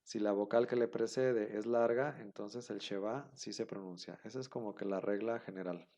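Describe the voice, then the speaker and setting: A man's voice: fairly low pitch, steady tone, normal speed, dark tone, muffled recording. Patient man teaching a class. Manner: patient, repeats rules, many fillers. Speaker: Hebrew teacher. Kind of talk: online class explanation.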